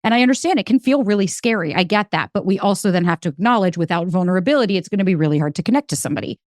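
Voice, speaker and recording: Fast-talking, animated woman guest. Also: mid-range voice, no echo, studio quality. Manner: animated storyteller, fast and emphatic. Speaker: podcast guest, dating coach. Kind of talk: casual interview chat.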